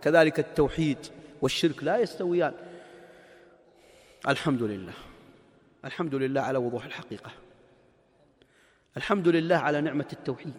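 A high-pitched man preaching, his sermon running conversational and emphatic. He keeps throwing rhetorical questions at the listeners and drops into colloquial asides. His voice trails off into a long hall reverb. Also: a little fast, long pauses.

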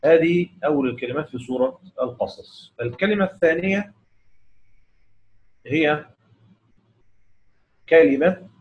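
A man with an Egyptian accent teaching the rules of Quran recitation. He explains in casual speech and slowly chants each verse to show the reading. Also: on the high side. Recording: dull lo-fi recording.

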